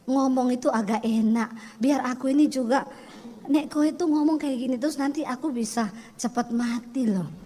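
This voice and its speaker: A grumbling middle-aged Javanese husband, put on by a woman preacher, gentle but scolding in a low, slow Javanese-accented voice. Each phrase rings out in a long, hall-like reverb. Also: a little hiss or hum. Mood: coaxing complaint.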